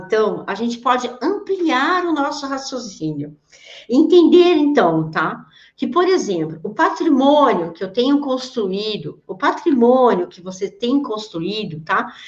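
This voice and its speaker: A Brazilian woman hosting a live teaching session, talking fast and tagging her sentences with quick checks on her listeners. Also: a little high, echoey room, lo-fi sound. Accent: Brazilian Portuguese. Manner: fast talker, admits rushing her words; peppers sentences with tag questions. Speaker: host of a live coaching session for health professionals. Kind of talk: live-streamed teaching talk.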